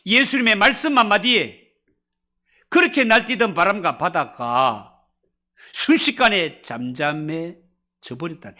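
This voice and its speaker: A male pastor delivering an expository sermon at a church evening service, swinging between loud emphasis and hushed drops. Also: high-pitched, lively intonation, unhurried, pauses often.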